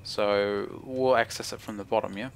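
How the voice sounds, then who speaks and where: He's a young gaming creator from New Zealand with a broad accent, recording in a room at home and casually thinking aloud through his gameplay with slang and mumbled asides. Fairly low and fairly even in intonation, his voice moves at a moderate pace with vocal fry and a little hiss or hum.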